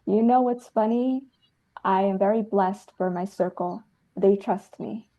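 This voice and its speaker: A woman in her 30s from New Jersey, United States, a filmmaker and dancer, is interviewed casually and speaks effusively and emphatically. Her voice is medium-pitched and a little slow, and the audio sounds dull.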